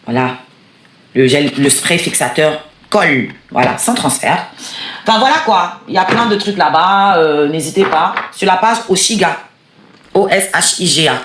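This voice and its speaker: A woman's voice: lowish voice, normal speed, echoey room. Exclamatory woman host. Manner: exclamatory, animated, cries out often. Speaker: show host. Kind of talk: commentary on a replayed live, product plug.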